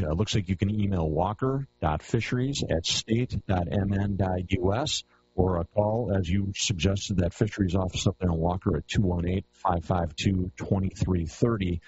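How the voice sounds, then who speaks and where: A man's voice: low voice, a little mellow. A man hosting a radio interview, asking plain, friendly questions, heard as a recording taped off the radio. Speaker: radio outdoors show host. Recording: dull lo-fi radio tape with faint hiss.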